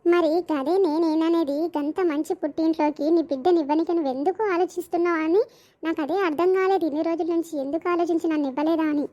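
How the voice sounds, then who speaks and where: A woman's voice: very high-pitched, steady tone, quick pace, warm tone, muffled recording. A woman voicing a jealous, scheming young woman, with a complaining, resentful tone. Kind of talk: animated village comedy voicing.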